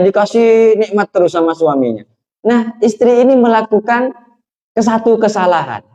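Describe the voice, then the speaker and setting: A man's voice: high voice, a little mellow. A man preaching a sermon in a storytelling way, often asking the congregation questions. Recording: dull lo-fi recording.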